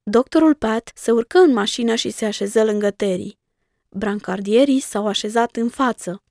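A woman reads a children's story in the first person, gentle and measured. Her voice sits somewhat high, and the recording is close and dry. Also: no room sound. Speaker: storybook reader.

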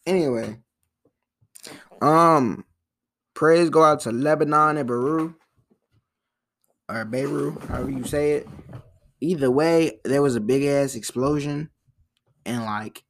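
Young man, gravelly voice, casual profane podcast rant, rambling with restarts. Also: medium pitch, measured pace, pauses often. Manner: loose, rambling and profane, with frequent restarts and slang. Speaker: podcast host. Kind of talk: casual solo podcast commentary.

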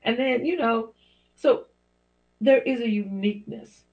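A middle-aged woman hosts her own inspirational talk show, delivering a monologue in an encouraging, preacher-like style punctuated by small laughs. Her voice is deep for a woman, measured in pace, with vocal fry. The recording has a dull, lo-fi podcast sound.

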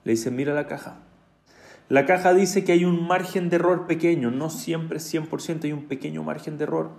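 A man giving a storytelling sermon, switching into English phrases now and then and acting out the people he quotes, with a gravelly voice. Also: fairly high pitch, fairly even intonation, moderate pace, a little mellow. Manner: mixes in English phrases, acts out quoted speech.

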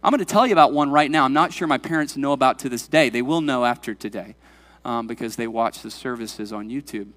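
A man's voice: mid-range voice, fast, fairly bright tone. A man in his forties preaching a sermon to his congregation, emphatic and full of questions to the room. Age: 40s. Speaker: pastor. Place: church sanctuary. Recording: long hall reverb.

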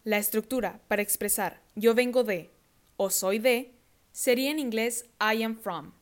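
A woman hosting a scripted podcast lesson, slowly and carefully repeating words for listeners to copy. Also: on the high side. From Mexico. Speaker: English teacher host of a podcast.

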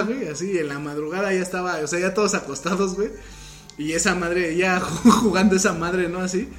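A man's voice: on the high side, fairly bright tone. A young man with a Mexican accent, casually telling spooky family stories in slangy, laughing speech. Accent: Mexican Spanish. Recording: echoey room with faint music.

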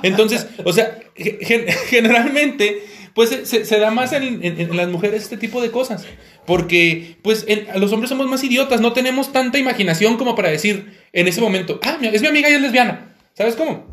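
A Mexican man with a high voice co-hosting a casual podcast. He speaks haltingly, restarting and repeating words as he talks. The sound is echoey, as in a bare room. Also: fairly bright tone. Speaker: podcast co-host. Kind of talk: casual joking chat.

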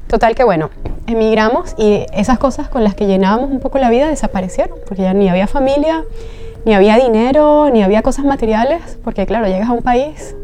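Her voice is a little high and mellow, with a slight hiss or hum in the recording. She's a train driver from Venezuela giving personal testimony in an interview, thoughtful and sincere as she hunts for the right words.

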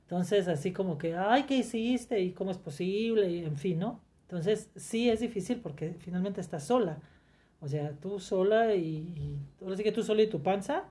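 A woman's voice: fairly low pitch, dark tone. A middle-aged woman, reflecting candidly in conversation, often restarting her sentences. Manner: reflective, speaks in halting restarts. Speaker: guest sharing her story.

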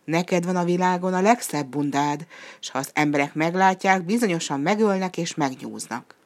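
A woman voicing a calm, knowing young boy in a storybook who earnestly warns the animals. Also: lowish voice, lightly acted. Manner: earnest, warning.

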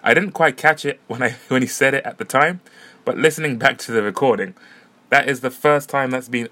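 A man's voice: medium pitch, pushed and bright. A man hosting a podcast, chatting easily as he introduces and interviews performers at a music venue. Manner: chatty, easygoing. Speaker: podcast host. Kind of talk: casual podcast narration and interviews. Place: music venue and street outside.

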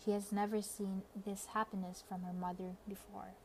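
A woman's voice: medium pitch, little pitch movement, normal speed, a little mellow, slight background noise, poor audio. A woman giving plain scripted narration for an amateur audio drama. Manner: plain, storytelling.

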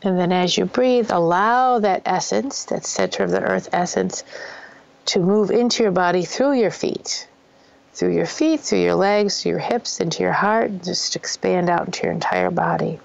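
A woman with a lowish voice speaks in a soothing, gentle murmur, as a host leading a guided meditation. Her delivery is unhurried, with some creak at the edges. The audio is a little dull and lo-fi. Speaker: host of a spiritual self-help show.

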